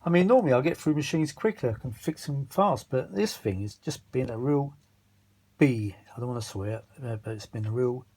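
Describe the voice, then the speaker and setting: An animated, husky, slightly mellow mid-range voice at normal speed comes from a tired British man vlogging a vintage audio repair. His commentary is casual and rambling with no script, full of exasperated muttering, grumbles and mild swearing as he fumbles for words.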